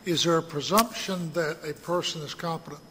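A man presiding as a judge, speaking formally and haltingly as he questions counsel in court. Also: on the high side, steady tone. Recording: echoey hall with faint noise.

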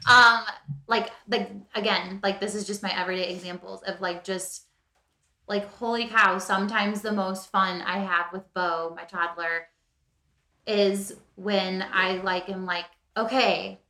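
Bright, rambling woman in an echoey room. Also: medium pitch, steady tone, a little slow. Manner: rambling, heavy use of "like". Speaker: podcast co-host. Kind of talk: casual chat.

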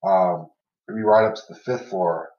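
Chatting casually on a podcast, this young male co-host rambles through anecdotes full of fillers and laughs at the funny moments. His voice is low and steady and a little slow, picked up from a distance in a roomy room with a dull, lo-fi quality.

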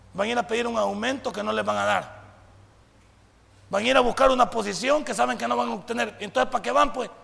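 Predicador de voz muy aguda y rasposa. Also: male voice, high-pitched, long reverb tail. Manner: animated preaching, rhetorical questions, acts out dialogues. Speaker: pastor. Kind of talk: sermon.

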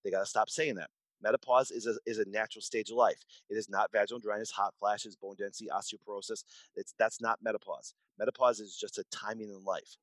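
A man's voice: lowish voice, fairly even intonation, quick pace, fairly bright tone, no room sound, poor audio. A man in his forties speaking as a doctor in an interview, emphatic and repetitive, often restarting his sentences. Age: 40s. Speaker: podcast guest, doctor. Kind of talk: conversational interview storytelling.

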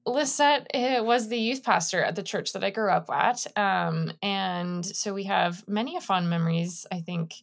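A woman's voice: medium pitch, normal speed, vocal fry, few pauses. Chatty woman in her thirties, podcast co-host. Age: 30s. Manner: chatty, rambling, informal. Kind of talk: casual chat, introducing a guest.

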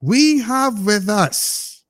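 A man hosts a casual podcast chat with a playful, animated delivery. His voice sits high for a man, and he stretches key words out for emphasis. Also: very slow. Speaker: podcast host.

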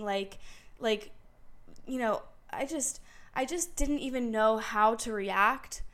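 A woman in her late twenties hosting a podcast, telling a story in casual chat, candid and profane, growing louder and more heated as she recounts it. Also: fairly high pitch. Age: late 20s. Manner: candid and profane, retelling with emphatic repetition. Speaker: podcast host. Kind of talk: casual solo storytelling monologue.

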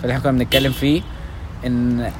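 A rapid-fire Egyptian man hosting a relaxed conversation, prodding his guest with questions and slipping English phrases into his speech. A steady hum of outdoor noise sits under his voice. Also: mid-range voice. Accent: Egyptian Arabic. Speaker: podcast host. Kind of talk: casual chat.

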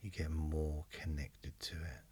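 A man leading guided hypnosis in a mesmerizing, hushed, breathy voice that often sinks toward a whisper, with long pauses. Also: steady tone, slight background noise. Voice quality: very deep, breathy, husky, often near whisper. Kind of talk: slow guided hypnosis narration.

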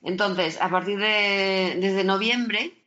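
A woman speaks as a guest in a relaxed conversational interview, in a language that is not her native one. Her voice is medium-pitched and bright, with hesitant phrasing as she hunts for words. The recording is a little lo-fi. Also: slow. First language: not Spanish. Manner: hesitant, searching for words in Spanish. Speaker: podcast guest.

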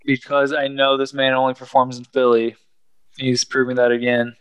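A man's voice: medium pitch, little pitch movement, normal speed, a bit bright, clear, resonant tone. A man co-hosting a casual sports podcast, teasing and provocative.

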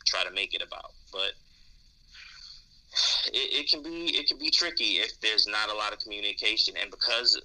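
On poor audio, this man's voice sits on the low side with a sharp tone, moving at a moderate pace and pausing often. He's a co-host on a candid podcast about dating, explaining things in a thoughtful, hesitant way with frequent repeated words.

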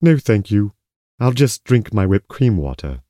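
A man's voice: fairly low pitch, big pitch swings, unhurried, dark tone, no room sound. A man playing a dry, secretive schemer in a comic audio drama, formal, terse and disapproving. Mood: irritated.

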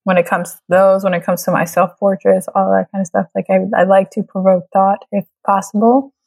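A woman in her late twenties from Trinidad, a guest in a casual conversation, chatty and quick to laugh. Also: mid-range voice, level tone, vocal fry, a little mellow, breathy edge, no echo. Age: late 20s. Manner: laughs often, chatty with fillers. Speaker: guest photographer.

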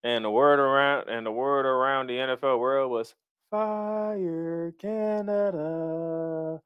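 A man's voice: on the high side, a bit bright, smooth, no room sound, studio quality. A man hosting a sports podcast as a fan, sounding disgruntled and complaining, emphatic and then dropping into asides. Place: podcast recorded in Florida.

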